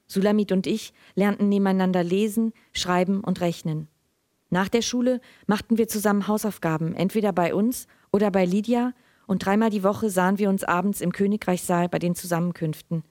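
A middle-aged woman giving a measured literary reading, then answering questions in a loose, chatty way. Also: medium pitch, steady tone, mellow, no room sound, clean studio sound.

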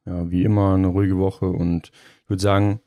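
Relaxed male co-host, low dark voice, agreeable, dry close recording. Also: normal speed, no echo. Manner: easygoing, short agreeing replies. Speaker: podcast co-host. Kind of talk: casual sports podcast chat.

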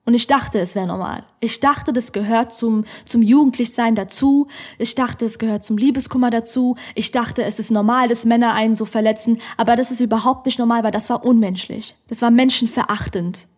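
A woman's voice: fairly high pitch, fairly even intonation, brisk. A woman comedian telling a personal story on a podcast in a studio, blunt and outspoken.

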